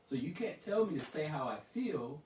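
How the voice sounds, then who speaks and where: A man making his case with insistent emphasis, breaking into quick voiced impressions of other people. He sounds set back from the microphone in a room with a lot of echo. A faint hiss runs underneath. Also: fairly high pitch. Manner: emphatic, argumentative, animated quoting of others. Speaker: podcast co-host. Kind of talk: heated casual discussion. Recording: echoey room, far from mic, faint noise.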